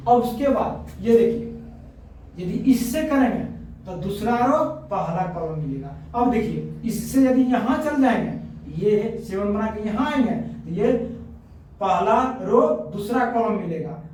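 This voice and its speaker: A man's voice: high voice, dark tone. A man teaching a math lesson at a board. He keeps asking questions, answers them himself and corrects himself often. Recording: very echoey room, mic far off, faint noise.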